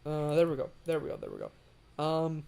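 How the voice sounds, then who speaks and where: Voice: medium pitch, huge pitch swings, moderate pace, vocal fry, a little mellow, clean tone. A livestreamer chatting casually while building a railway in a game, rambling with many fillers and greeting chat. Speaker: livestream host.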